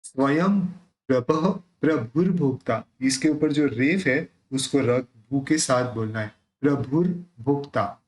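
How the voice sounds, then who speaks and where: An Indian man teaching a devotional hymn, chanting each verse line by line at an unhurried, deliberate pace. His pitch sits in the middle for a man, and he moves between slow recitation and brisk explanation. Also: poor audio. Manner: chants verses slowly, then explains quickly. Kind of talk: pronunciation lesson.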